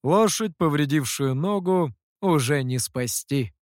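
A reader voicing a sly, smug male master who talks calmly and with amusement. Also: a little high, a little slow, dry recording, clean studio sound. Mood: amused. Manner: calm and amused.

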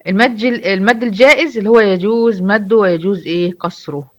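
A woman with an Egyptian accent gives a brisk online lesson, moving quickly through her points. Her voice sits in a middle range. She keeps asking the class questions and answering them herself. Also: mid-range voice, highs cut off. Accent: Egyptian Arabic. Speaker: Quran recitation teacher. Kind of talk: online lecture.

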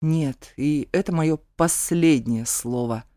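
A woman reading an audiobook, voicing a stern, protective young male warrior with a low, gruff growl and curt, firm refusals. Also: slow, mellow, no room sound, studio quality. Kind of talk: audiobook character voice.

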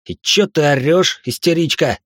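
A woman voicing a rude, lazy young man who mutters in a low voice, in a dramatic audiobook reading. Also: normal speed, a bit bright, no room sound, studio quality. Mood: sneering. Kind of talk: audiobook character voice.

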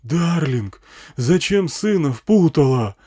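A crude wasteland gang boss, as a male audiobook reader plays him, bellowing his pleas and insults. The voice is raised and loud, lurching up and down. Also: fairly high pitch, lively intonation, slow pace, husky, pitched above the performer's own voice, heavily acted. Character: boastful wasteland gang boss, man, shouting.

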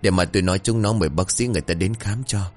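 Casting: an older wife, tired and fussy, voiced by a male narrator, deep tone. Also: fast, faint music behind, close to an everyday voice. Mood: concerned. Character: older wife, tired, fussing over husband.

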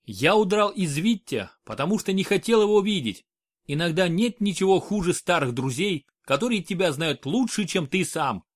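A man's voice: high-pitched, very animated, moderate pace, voice pushed up. A man reading an audiobook, voicing a bitter, volatile young male prince-regent in a raised, tense voice. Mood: grim. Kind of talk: audiobook character voice.

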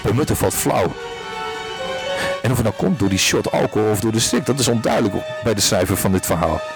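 A man's voice: lively intonation, fairly quick. A man reading a podcast story aloud, with small slips and restarts, and lifting his voice for the characters. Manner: reads aloud with small slips and restarts, jumps higher for quoted lines. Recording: faint music behind.

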